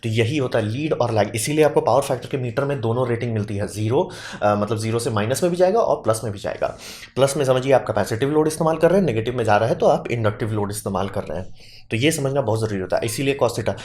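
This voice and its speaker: A man talks through a science lesson in a casual, chatty way. His voice sits at an ordinary middle pitch, and he keeps it playful with homely comparisons and little acted-out voices. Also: darkish tone. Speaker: science educator.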